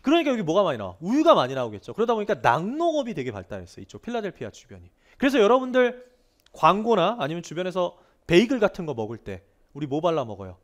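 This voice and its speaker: A man teaches grammar in a fast, lively lecture. His voice sits a little high and swings widely in pitch. He keeps asking his students rhetorical questions and repeats key words to drive them home. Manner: animated, asks students frequent rhetorical questions.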